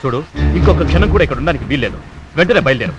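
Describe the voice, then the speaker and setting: A man's voice: fairly high pitch, expressive, racing, highs cut off, natural voice. An actor playing a young man, the wife's protective cousin, polite yet indignant. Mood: urgent. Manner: polite but indignant, urgent pleading. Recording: film soundtrack with music behind.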